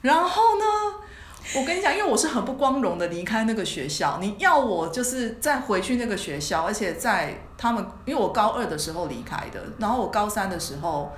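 A woman co-hosting a podcast, telling a story in a casual chat and acting out friends' lines in a lowered voice. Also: lively intonation, brisk, hardly any pauses. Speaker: podcast co-host. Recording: echoey room.

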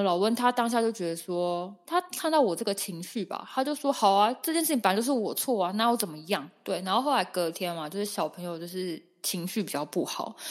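A woman in her thirties telling a personal story in casual chat, emphatic and animated, often acting out what others said. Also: on the low side. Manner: animated, emphatic, acts out quotes. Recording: echoey room with long reverb.

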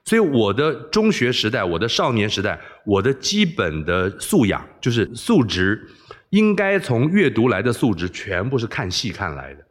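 A man's voice: on the low side, normal speed. A middle-aged man from Taiwan, telling and reading a story expressively. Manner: animated, expressive.

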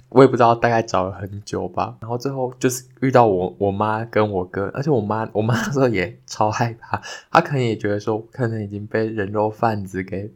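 A young man hosting a podcast, telling a childhood story in a casual, animated way that turns sincere when he gives thanks. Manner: animated, jumps higher when retelling the scary parts. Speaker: podcast host.

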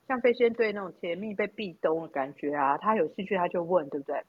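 A woman's voice: on the low side, animated, fast, breathy edge, phone-quality sound. A woman with a Taiwanese Mandarin accent, chatting casually and now and then dropping in English words. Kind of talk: casual chat.

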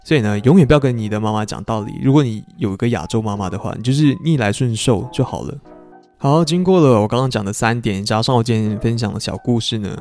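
Chatty young podcast host. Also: male voice, medium pitch, darkish tone. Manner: chatty, self-mocking, laughs often. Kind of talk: casual storytelling monologue.

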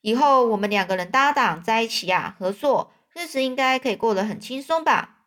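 A woman's voice: a little high, lively intonation, a little fast, a bit bright. A woman storyteller voicing a boastful old male swindler who poses as a preacher, talking in a brash, defensive way.

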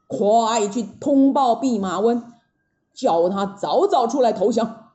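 A woman voicing a blustering giant male heavenly general with a loud, threatening manner, in a storybook reading. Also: fairly high pitch, reverberant, muffled recording.

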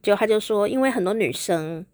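A woman's voice: medium pitch, expressive, fast talker, no echo. A woman hosting a podcast, telling a story in a chatty, playful way and laughing often. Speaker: podcast host. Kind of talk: casual storytelling monologue.

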